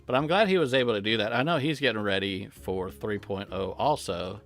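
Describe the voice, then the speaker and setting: A man hosting a casual game live stream from home, rambling softly as he chats with his viewers. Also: fairly low pitch, brisk, faint music behind. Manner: rambling, soft-spoken, chatting with viewers.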